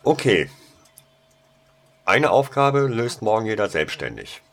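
A man voicing a firm, bossy teenage girl prefect who speaks loudly and commandingly. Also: lowish voice, big pitch swings, slow, pitched above the performer's own voice, full character voice.

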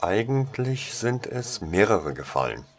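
A shy, guarded teenage schoolboy, as a male narrator reads him, wry and a little hesitant. The voice stays close to the reader's own low tone, lifted only slightly. A faint hum runs under the storybook recording. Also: very animated, measured pace. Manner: hesitant, ironic.

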